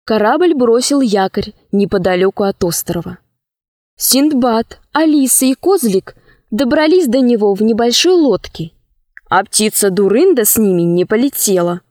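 A woman narrating a children's audiobook story in a calm, measured reading voice. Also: on the high side, no room sound, studio quality.

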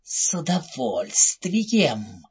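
A man voicing a wicked, cold-blooded fairy woman who hisses her words slowly and sweetly. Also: a little high, very animated, slightly rough, full character voice. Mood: sly, sugary. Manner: hissing, slow and drawn out. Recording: dull lo-fi audiobook recording.

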